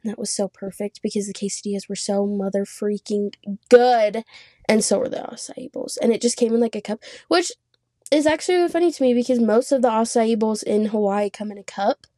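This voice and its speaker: A young woman chatting on a podcast in a slightly high, mellow voice. She talks fast and loose, laughing and filling with "like" as she tells a story. The sound is close and dry. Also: no room sound. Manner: chatty, laughs often, says "like" a lot. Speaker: podcast co-host. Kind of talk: casual chat.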